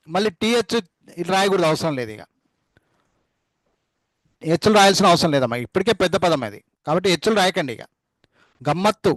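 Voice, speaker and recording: In a classroom dictation lesson, a man with a high voice teaches spelling, saying each word several times and then spelling it out letter by letter. The recording is dry.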